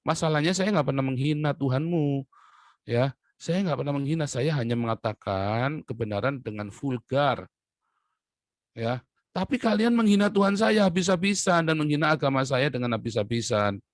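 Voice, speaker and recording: A man delivering an impassioned monologue to his viewers, swinging between loud outbursts and low muttering. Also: animated, moderate pace, no room sound, clean studio sound. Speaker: online commentator.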